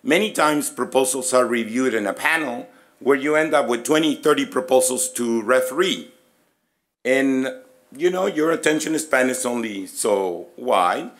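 Male presenter, middle-aged, raspy and losing his voice, halting conversational lecture delivery at a podium mic. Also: medium pitch. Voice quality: hoarse, raspy voice. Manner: halting, conversational, inviting questions. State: losing his voice, throat-clearing. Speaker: physics professor, presenter. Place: conference room, at a lectern. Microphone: gooseneck lectern microphone.

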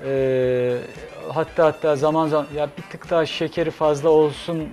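An older man speaks as a studio guest in a mellow, dark tone that sits a little high, choosing his words slowly and filling gaps with hesitations. Faint music runs behind him. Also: flat delivery. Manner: measured, hesitant, many fillers. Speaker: guest, cafe owner. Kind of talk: studio interview. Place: TV studio kitchen set.

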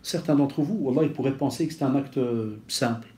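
Mellow-voiced preacher. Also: male voice, medium pitch, brisk. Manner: lively storytelling, sprinkles Arabic phrases. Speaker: preacher and teacher. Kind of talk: lecture-style sermon.

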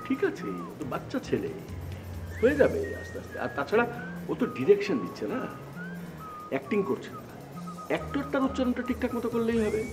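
An actor playing a theater teacher in a TV drama, calm and placating. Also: male voice, very high voice, fast, pauses often, over music, full character voice. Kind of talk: TV drama acting.

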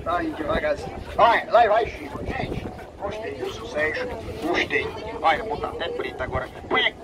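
A man's voice: on the high side, expressive, a little fast. A man with a Northeastern Brazilian accent doing improvised street comedy, teasing volunteers playfully as he performs. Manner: teasing, playful crowd banter. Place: open seafront square at night. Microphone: distant camera among spectators. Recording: distant mic, loud outdoor crowd noise. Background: loud crowd and outdoor noise.

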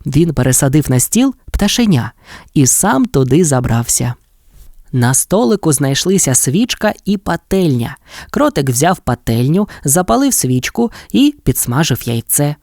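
A Ukrainian woman narrating a children's audiobook with expressive, lively storytelling. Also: low-pitched, a little slow, dry recording, studio quality.

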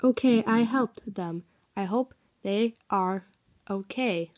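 A woman's voice: mid-range voice, slow pace, a little mellow. A woman casually commenting while she plays a game, reading in-game notes aloud and reacting as she goes. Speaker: game video maker.

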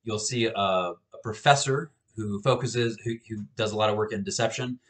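This professor, a man in his thirties, is filming a lecture by webcam in his small home office. His low-leaning voice has a slight brightness and a normal pace. The delivery is relaxed and chatty, full of restarts and repeated words.

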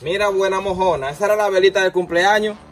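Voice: mid-range voice, fast talker, background noise. An adult with a Dominican Spanish accent chatting casually in a comedy skit, with exasperated, teasing exclamations. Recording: music under the voice. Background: background music.

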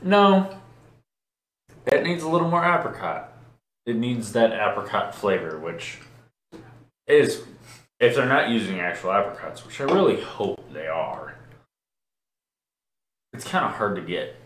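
Lively low-voiced man in an echoey room. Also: unhurried, pauses often. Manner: relaxed, joking, swears casually. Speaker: beer review co-host. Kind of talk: casual chat. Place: room with a table, indoors.

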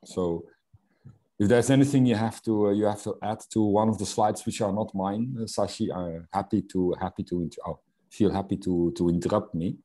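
This Salesforce instructor, a middle-aged Dutch-speaking man from Belgium, presents a webinar online at a normal speed. His low-leaning voice is steady and mellow, though his delivery stumbles with frequent fillers and false starts.

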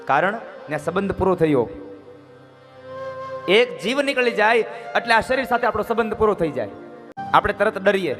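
A man giving a devotional sermon, pressing his point with rhetorical questions and breaking into sung verses. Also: sits high. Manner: rhetorical questions, earnest and insistent. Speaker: katha preacher.

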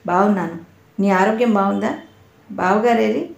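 A woman's voice: mid-range voice, normal speed, vocal fry, reverberant, natural voice. A woman reading as a terse, reserved young man. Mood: friendly.

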